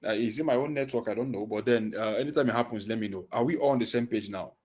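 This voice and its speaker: A fast-talking man with a mid-range, slightly mellow voice runs an online physics lesson over a headset on a video call. He keeps asking leading questions, then answers each one himself.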